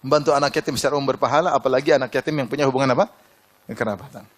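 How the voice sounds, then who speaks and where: A man's voice: medium pitch, very fast. A middle-aged man preaching an Islamic lecture, telling stories with laughs and reciting Arabic quotes.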